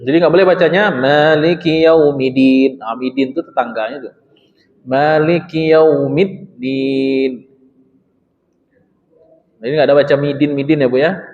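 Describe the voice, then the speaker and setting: This religious teacher's voice is fairly high, steady and darkish as he leads a mosque-hall study circle on Quran recitation. He lengthens recited phrases slowly for demonstration and puts questions to the congregation. Echo from the hall and a dull sound mark the recording.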